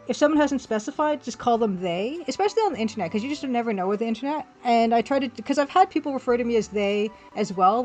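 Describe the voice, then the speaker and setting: A woman with a fairly high, slightly mellow voice hosts an art livestream as a pixel artist, chatting casually and thinking aloud while she draws and answers chat. Music plays in the background.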